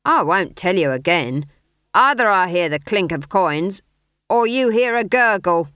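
A woman's voice: sits low, expressive, brisk, fairly bright tone, dry recording, clean studio sound, voice pushed down. A woman voicing a blunt, practical male bandit chief who makes threats. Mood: menacing. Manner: blunt, menacing.

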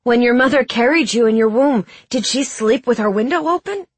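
A woman voicing a kindly, wise old male doctor with a bright, confident manner. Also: fairly high pitch, animated, brisk, husky, dry recording, pitched above the performer's own voice. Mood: knowing.

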